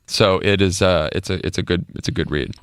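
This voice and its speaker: An American man co-hosts a podcast, offering casual political commentary in an emphatic, conversational manner. His voice sits low and smooth, a little fast, with no echo.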